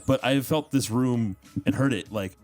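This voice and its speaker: A man's voice: medium pitch, normal speed, a little mellow, soft background music. A young man co-hosting a podcast, laid-back and joking in profane casual chat. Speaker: podcast co-host. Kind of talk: casual chat among friends.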